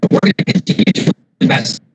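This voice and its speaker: A man's voice: brisk, no room sound. A man giving a remote business keynote, his voice choppy and breaking up over a failing video call. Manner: fluent corporate pitch, lists points. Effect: choppy, breaking-up video call audio. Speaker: tech executive presenter.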